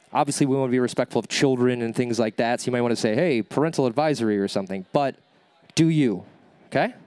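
A workshop speaker with a nasal, medium-pitched voice addresses a live audience from an event stage in a dry recording. He's energetic and coaching, answers questions, and keeps asking "right?" and "okay?".

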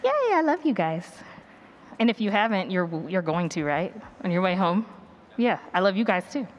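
A woman with a mid-range voice and big pitch swings speaks at a moderate pace, casually teasing and chatting with her audience before her workshop talk on a live conference stage. The sound is lo-fi, with soft background music, noticeable background noise and live event ambience.

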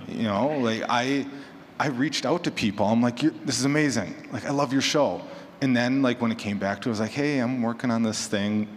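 A fairly quick, medium-pitched man speaks casually to an audience from a convention panel. He's a horror fiction podcaster with a conversational, encouraging style. The setting is a large indoor room, echoey and carrying clear background noise.

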